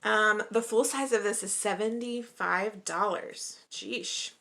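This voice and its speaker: Upbeat young female vlogger, bright voice, relaxed unboxing chat. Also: medium pitch, slow pace, gravelly. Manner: chatty, upbeat, often says she is excited.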